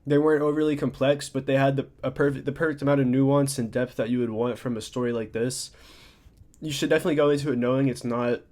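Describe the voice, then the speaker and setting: A young man gives a casual, off-the-cuff book review, rambling with lots of fillers and restarts. He sounds congested and slightly stuffy. His medium-pitched, darkish voice stays steady while he talks fast.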